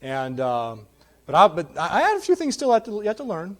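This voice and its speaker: A man in his thirties preaches his life story from a church pulpit, candid and quick to joke. His voice sits a bit higher than most men's, and his telling is lively and animated. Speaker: guest preacher. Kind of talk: testimony sermon. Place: church sanctuary.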